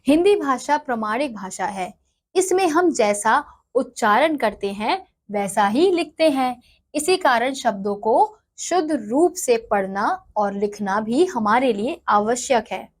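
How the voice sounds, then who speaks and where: Woman teacher, slightly high voice, unhurried classroom delivery. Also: animated. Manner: slow, explanatory, repeats words for dictation. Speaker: Hindi teacher. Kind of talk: classroom lesson for children.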